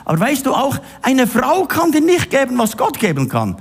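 A man's voice: extremely high pitch, wildly swooping pitch, moderate pace, husky. A middle-aged man preaching a sermon, addressing the listener directly and with emphasis.

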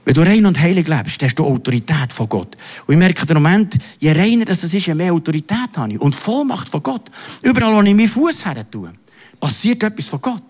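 A man preaching a sermon, emphatic, dropping low for asides and rising to loud exclamations. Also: big pitch swings, a little fast.

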